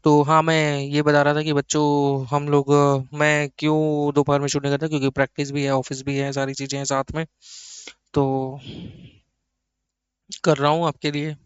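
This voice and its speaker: A man's voice: fairly high pitch, monotone, moderate pace, clear, resonant tone, no echo, lo-fi sound. A man teaching an accounting lecture in a chatty way, talking to students as kids and acting out their questions himself. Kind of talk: online lecture.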